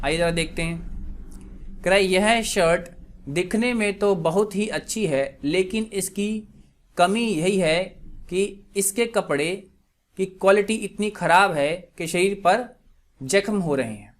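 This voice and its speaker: Indian man teaching English vocabulary slowly. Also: sits high. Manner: reads English examples slowly and deliberately, quick Hindi asides. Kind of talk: vocabulary lesson.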